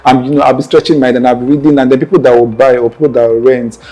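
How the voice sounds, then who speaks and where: This is personal storytelling in conversation: a young man with a Nigerian accent, an interview guest, recounts his life in an earnest, wandering way and frequently goes back to correct himself. He races along in a mellow, medium-pitched voice with fairly even intonation.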